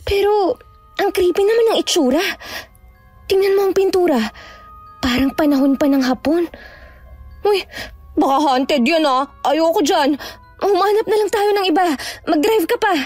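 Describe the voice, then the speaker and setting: A woman's voice: very high-pitched, darkish tone. A young woman acting as an anxious, superstitious younger sister in a horror audio drama, nagging and easily frightened. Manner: nagging, fearful, easily scared. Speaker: younger sister riding in a car.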